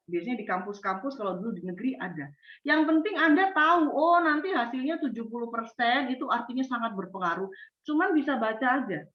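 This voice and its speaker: A woman gives a university lecture, talking expressively and quizzing her students as she goes. Her voice sits fairly high. She is recorded far from the mic in an echoey space, with a dull, muffled tone. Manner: expressive, acts out example answers, asks the class questions. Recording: echoey, distant, dull sound.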